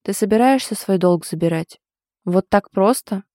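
A drunk, sour ex-boyfriend, as a woman narrator puts him on, sneering and bullying in a storybook scene. The voice sits dark and mellow and sounds dry and close. He pushes harder and louder than the calm narration around him. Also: medium pitch, moderate pace, no room sound, close to an everyday voice.

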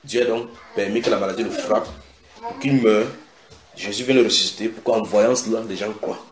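A man preaching a sermon, retelling scripture dramatically with sudden shouted quotes and direct questions to his listeners. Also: fairly low pitch, fairly even intonation, normal speed. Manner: asks the audience direct questions. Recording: echoey room.

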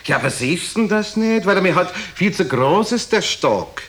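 A man's voice: high-pitched, animated, moderate pace, a bit bright, pitched above the performer's own voice. A man voicing a naive, dim-witted aristocratic count, drawling genteelly and stumbling over restarts. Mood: pleased, explaining. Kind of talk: comedy record joke telling.

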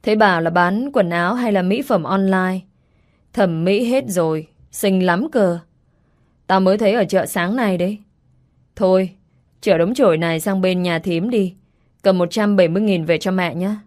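A woman's voice: mid-range voice, moderate pace, darkish tone, natural voice. A woman voicing a blunt, nagging older rural mother.

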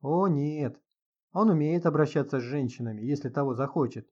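Male narrator playing a resentful young woman, sneering, a bit higher, audiobook. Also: normal speed, darkish tone, muffled recording, natural voice. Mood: bitter. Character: young woman, resentful, bitter former model.

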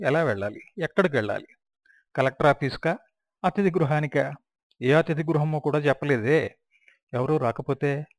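Brief: male audiobook narrator, slightly high voice, reflective first-person memoir reading, dry close recording. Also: dry recording.

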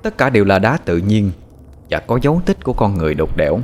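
Low-voiced man telling a suspenseful tale. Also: fast. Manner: expressive, suspenseful. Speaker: storyteller. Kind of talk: scripted horror story narration. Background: faint music.

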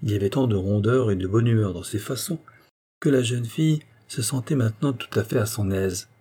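A man narrating a classic novel as an audiobook in a calm, measured way. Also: lowish voice, breathy edge.

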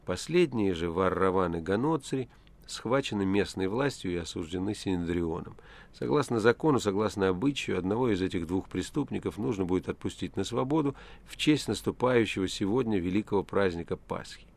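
A man narrating a novel as an audiobook in a measured, even reading. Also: sits low, vocal fry. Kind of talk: scripted literary narration.

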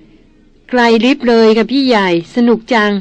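Woman reading as a proud, sharp-tongued young noblewoman. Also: fairly high pitch, fairly even intonation, unhurried, dry recording, close to an everyday voice. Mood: cheerful. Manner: indignant complaining.

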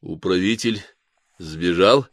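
Man doing an upright young judge, earnest and straight-talking, low voice. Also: slow pace, no echo.

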